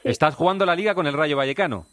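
A man from Spain hosts a radio show, rattling along at a very quick clip with a slightly raised pitch. He sounds chatty and enthusiastic, and the studio sound is dry and close. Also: fairly bright tone, no echo. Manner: chatty, enthusiastic, fast-talking. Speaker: radio host. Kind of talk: upbeat radio interview.

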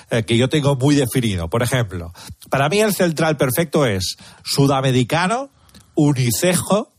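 Hesitant man with a slightly high voice, joking. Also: no echo, clean studio sound. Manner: hesitant build-up to deadpan jokes. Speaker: radio show co-host. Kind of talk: comic radio chat.

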